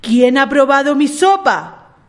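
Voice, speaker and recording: A woman voicing a big, gruff father bear in a storybook, exclaiming loudly. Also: big pitch swings, takes it slowly, full character voice. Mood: indignant. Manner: booming, loud exclamations.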